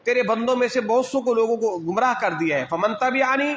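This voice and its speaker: A male religious scholar delivering an impassioned devotional sermon with chant-like recitation and drawn-out exclamations. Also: extremely high pitch. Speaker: religious scholar teaching hadith. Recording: echoey, dull lo-fi hall.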